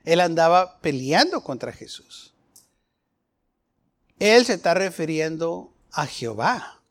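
A man preaching a sermon in an emphatic style, with questions that rise sharply. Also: on the high side.

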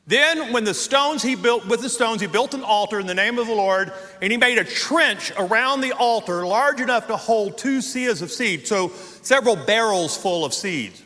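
A man preaching a sermon, telling a story with animated delivery and acting out the quoted lines. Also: high voice, moderate pace. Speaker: pastor. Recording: long hall reverb.

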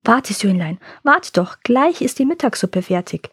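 A woman's voice: mid-range voice, sing-song, unhurried, fairly bright tone, slightly rough, no room sound, clean studio sound, heavily acted. A woman voicing a worn-out peasant mother in a fairy tale who soothes her son and then scolds him. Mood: soothing.

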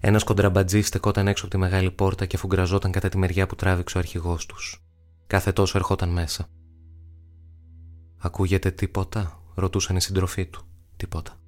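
A man reads a novel aloud in a very deep, level voice. He measures each phrase and lets pauses hang, with faint music behind him. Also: monotone, a little mellow. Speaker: actor narrating a novel. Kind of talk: audiobook narration.

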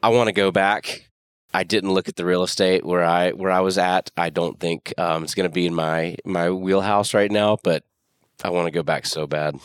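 A man co-hosting a casual podcast, telling stories in an animated way with stumbles and restarts. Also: deep voice, normal speed, clean tone, dry recording, clean studio sound. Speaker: podcast co-host. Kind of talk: casual chat.

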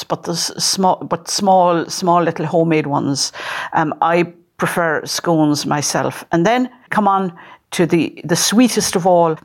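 A middle-aged woman explaining how to serve afternoon tea at home in a chatty, informal way, often repeating words as she searches for them. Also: lowish voice.

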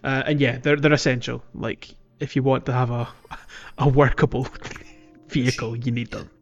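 A podcast host chats casually and jokily about games, prone to chuckling. His medium-pitched voice is flat in delivery at a moderate pace. The recording is slightly muffled, with background music playing underneath.

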